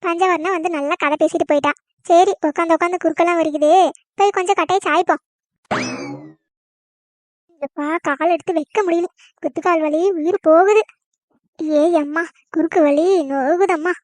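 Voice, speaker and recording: Someone voicing a shrill nagging mother-in-law. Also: fairly even intonation, moderate pace, long pauses, no room sound. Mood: complaining. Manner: nagging, scolding loudly. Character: grumbling village mother-in-law, aching and scolding. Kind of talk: cartoon comedy voice acting.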